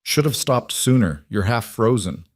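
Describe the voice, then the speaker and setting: A man voicing a steady, protective frontier cowboy who speaks in firm, clipped commands. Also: mid-range voice, measured pace, no room sound, clean studio sound.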